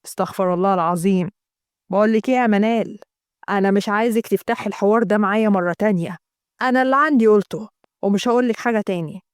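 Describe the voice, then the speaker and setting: A woman voicing a stern, gruff Egyptian father who brushes off his wife. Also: mid-range voice, racing, no room sound, clean studio sound, lightly acted. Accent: Egyptian Arabic. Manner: gruff, dismissive. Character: stern old-fashioned father, a man.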